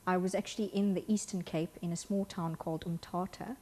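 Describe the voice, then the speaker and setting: A woman from Kenya, a pediatric rheumatologist guest on a studio talk show, speaking in a friendly, steady way. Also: on the low side, fairly quick, slight background noise.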